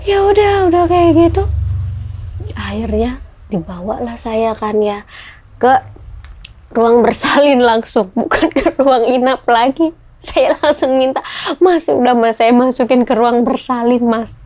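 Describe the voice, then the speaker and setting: A woman's voice: fairly high pitch, a little slow, darkish tone. A young woman telling a personal story in a vlog, emotional and tearful at times, acting out the voices of the people she quotes. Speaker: vlogger. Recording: music playing behind the voice.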